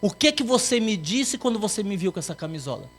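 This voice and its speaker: A man's voice: high voice, sing-song, quick pace, fairly bright tone, voice pushed up, full character voice. A man voicing a middle-aged wife in a joke, teasing her husband. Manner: teasing, challenging.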